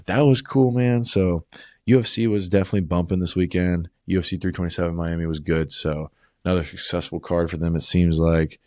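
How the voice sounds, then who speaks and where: A man's voice: deep voice, no room sound, studio quality. A man casually recapping fight events at home, rambling and swearing, tossing in "bro" and "man" constantly. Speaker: combat sports vlogger.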